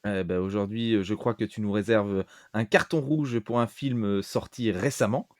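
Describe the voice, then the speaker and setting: A man's voice: fairly low pitch, moderate pace, no room sound. Friendly guy co-hosting a podcast, mock-polite, dry close sound. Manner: friendly, jokey formality. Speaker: podcast co-host. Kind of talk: casual chat.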